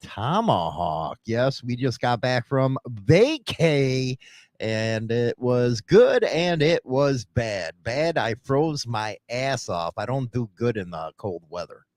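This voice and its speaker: A man's voice: medium pitch, sing-song, takes it slowly, darkish tone, no room sound, studio quality. A man hosting a live podcast, joking crudely and swearing in casual banter. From northern Illinois. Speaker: podcast host.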